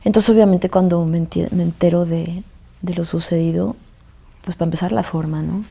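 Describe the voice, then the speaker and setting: A Mexican woman, a guest actress, telling a personal story softly and haltingly, her voice often sinking toward a whisper. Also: fairly low pitch, steady tone, gravelly, slightly rough.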